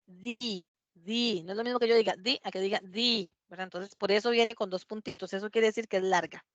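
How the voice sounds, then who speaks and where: A woman teaching an English pronunciation lesson, explaining patiently step by step and slowly repeating words to model them. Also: medium pitch, steady tone, dry recording, dull audio. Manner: patient, explains step by step, asks "¿verdad?" often.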